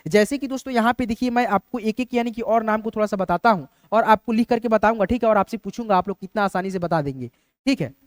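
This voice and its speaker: A man's voice: sits high, fast talker, no room sound, studio quality. A man teaching a lesson, patiently spelling out words letter by letter and often checking in with his students.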